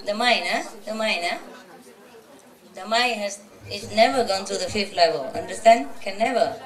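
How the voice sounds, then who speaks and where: A woman's voice: mid-range voice, moderate pace, some chatter behind. A woman spiritual teacher giving an informal, chatty talk to a gathering, teasing and laughing often. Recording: roomy, from a distance.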